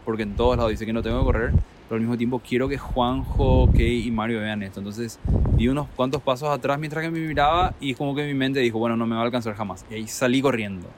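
A man telling a travel story in a casual, animated way, acting out quotes and laughing. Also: medium pitch, quick pace, noisy background.

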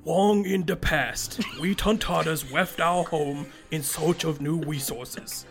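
A small, grave fairy king recounts his people's suffering in a soft, babyish voice, as a podcast host puts him on. The voice sits a little high for a man. Faint music plays underneath. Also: takes it slowly, creaky, exaggerated voice. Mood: solemn storytelling. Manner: baby voice telling a tragic history. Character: tiny old fairy-folk king, grave, sorrowful. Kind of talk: comic read-aloud on a podcast.

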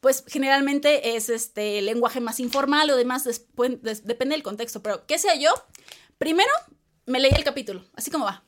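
High-voiced, chatty Mexican woman. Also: moderate pace, a little hiss or hum. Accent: Mexican Spanish. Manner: chatty, lots of fillers and playful asides. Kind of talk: casual chat.

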